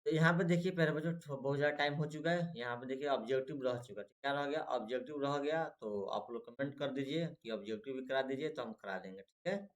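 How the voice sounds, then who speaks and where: A man's voice: medium pitch, fast, few pauses. A man teaching an exam-prep lesson, repeating each point and quizzing the students with short questions. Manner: repetitive, drills and quizzes students.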